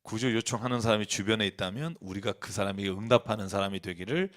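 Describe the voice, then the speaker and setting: A man preaching a sermon as a pastor in a church, blunt and colloquial, rising to loud emphatic peaks and dropping to soft low asides. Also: fast talker.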